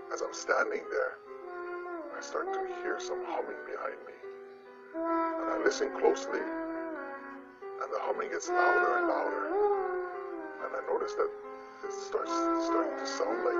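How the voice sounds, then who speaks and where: Man with an electronically disguised voice. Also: very high-pitched. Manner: plain, matter-of-fact storytelling. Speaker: police officer. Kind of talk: recounting a personal ghost story in an interview. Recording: muffled lo-fi audio, distant mic, loud music bed.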